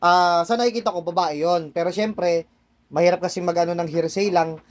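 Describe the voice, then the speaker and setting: A man's voice: high voice, steady tone, fairly quick. A man working as a spiritual healer, insistently questioning a spirit and then explaining the session to onlookers. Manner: insistent, presses with repeated "ha?". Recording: distant mic with faint background noise.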